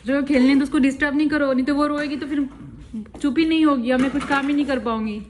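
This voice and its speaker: A woman's voice: sits high, steady tone, fast, darkish tone. A woman from India, a mom vlogger, chatting casually at home about her daily routine. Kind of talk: casual home vlog narration. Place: home kitchen. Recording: echoey room with background noise.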